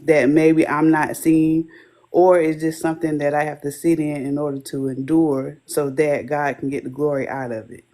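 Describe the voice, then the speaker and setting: A woman's voice: sits low, flat delivery, normal speed, mellow. A woman who coaches wives of addicts, giving an earnest, faith-filled testimony as an interview guest.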